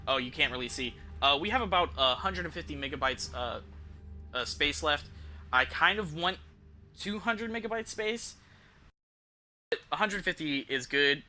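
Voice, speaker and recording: A game streamer gives casual, rambling commentary, thinking aloud in informal, mildly profane language. His voice is on the high side with a sharp tone.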